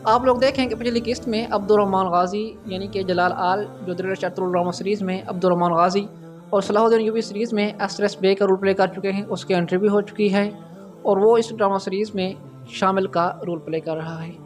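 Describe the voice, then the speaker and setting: A man's voice: high voice, steady tone, brisk, faint music behind. A man hosting a drama review channel, speaking in a formal commentary style and often addressing his viewers directly with a raised, emphatic voice. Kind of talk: scripted-sounding video commentary.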